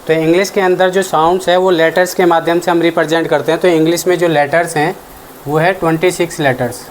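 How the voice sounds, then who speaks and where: A man's voice: fairly high pitch, steady tone, quick pace, a little hiss or hum. A man giving an exam-prep grammar lesson as the teacher, explaining step by step and answering his own questions. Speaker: English teacher.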